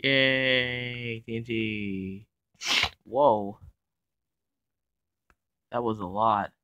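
A man's voice: mid-range voice, slow, pushed and bright, clear, resonant tone, no room sound, lo-fi sound. A man giving playful, casual commentary over his own block-building game, narrating each move as he goes. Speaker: gaming YouTuber.

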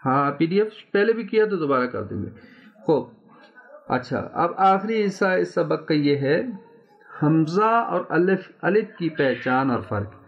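A man's voice: on the high side, sing-song, gravelly, muffled recording. A man teaching Quran recitation in an online lesson, patiently drawing out sounds and checking in with his students. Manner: patient, repeats sounds slowly and checks in often.

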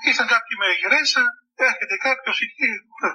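A man with a Cypriot Greek accent, a monk preaching a sermon full of funny stories, with many halting restarts. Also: extremely high pitch, sharp tone, slightly rough, low-quality recording. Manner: storytelling, chuckling, halting restarts. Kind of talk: humorous sermon talk with anecdotes.

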